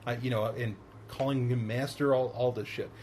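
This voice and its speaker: A man's voice: medium pitch, steady tone, moderate pace, a little mellow, slight background noise. A man hosting a podcast in casual chat, rambling with many fillers and restarts and laughing often. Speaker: podcast host.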